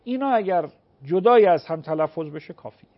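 A man answering viewers' religious questions on a call-in program, explaining patiently and slowly acting out prayer recitations. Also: sits high, animated, muffled recording.

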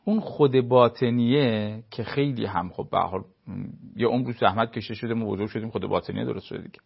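A man's voice: on the low side, gravelly, breathy edge, lo-fi sound. A man giving advice on a talk show, explaining his points with everyday examples and short acted-out dialogues.

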